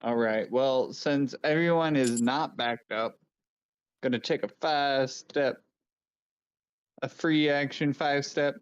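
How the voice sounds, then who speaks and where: A man's voice: medium pitch, slow pace, clear, resonant tone, muffled recording. A man playing in a tabletop game, talking through his moves in a matter-of-fact, casual way. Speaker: player.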